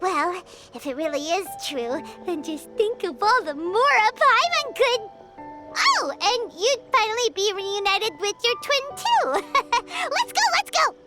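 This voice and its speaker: Paimon, a squeaky excitable fairy girl. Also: exaggerated voice. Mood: eager. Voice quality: very high squeaky childlike voice. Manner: excitable, quick to exclaim. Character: tiny floating fairy girl companion, excitable and nosy. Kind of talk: game voice acting. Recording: game audio with loud music behind.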